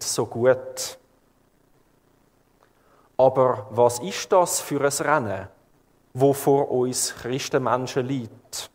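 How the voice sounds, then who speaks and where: Slow Swiss German preacher, echoey hall. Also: male voice, medium pitch. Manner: calm, measured, vivid storytelling. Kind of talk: sermon.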